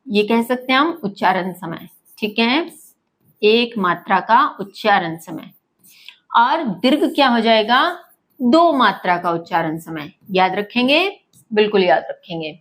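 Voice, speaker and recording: A woman's voice: fairly high pitch, a bit bright. A woman teaching a lesson to schoolchildren, speaking patiently, repeating points and checking that they follow. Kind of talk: online lesson.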